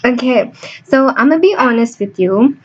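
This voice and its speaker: A woman's voice: on the high side, lively intonation, normal speed, husky. A young woman hosting a student podcast, playful and theatrical, joking her way through the interview. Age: young adult. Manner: bubbly, jokey, theatrical. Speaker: podcast host. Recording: dull lo-fi home recording.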